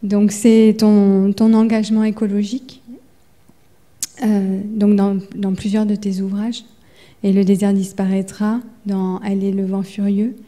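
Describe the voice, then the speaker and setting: A woman's voice: medium pitch, monotone, a little slow, dark tone. A woman moderating a library talk, searching for words as she puts a question to an author. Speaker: event moderator. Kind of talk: interviewing an author.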